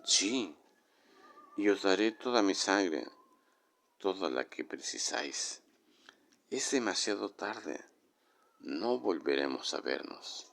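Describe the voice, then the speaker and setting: A man's voice: deep voice, expressive, takes it slowly, gravelly, pauses often, fairly bright tone, pitched above the performer's own voice, exaggerated voice. A man voicing an anguished young male priest who pleads desperately with his beloved. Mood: pleading.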